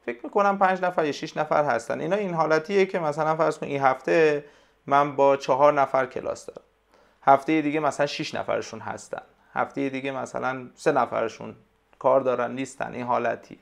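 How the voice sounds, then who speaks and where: A man with a gravelly, creaky voice at a middle pitch talks as a guest in a relaxed interview. He is a tutor explaining his work, and he gropes for words with frequent pauses and fillers. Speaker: language tutor, podcast guest. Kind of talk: casual conversational interview.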